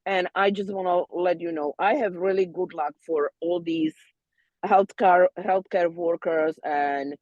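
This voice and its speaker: A woman, a doula student, casually telling peers about a birth in halting, non-native English full of fillers and restarts. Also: lowish voice, a little mellow, no room sound, muffled recording. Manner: non-native phrasing, loose grammar.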